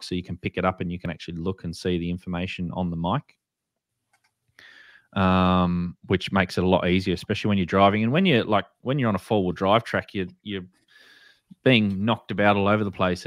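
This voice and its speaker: A low-pitched man with an Australian or New Zealand accent co-hosts a radio hobby show, chatting informally as he walks beginners through products. The recording is dry and studio quality.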